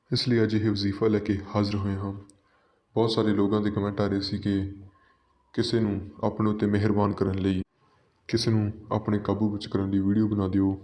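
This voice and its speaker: A man speaking in a low, flat voice hosts a channel and explains a religious ritual to viewers. He's calm and repetitive, addressing his listeners as friends.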